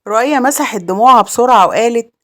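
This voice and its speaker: A woman with an Egyptian accent narrating a dramatic village crime story in a steady, grave manner. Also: a little high, racing.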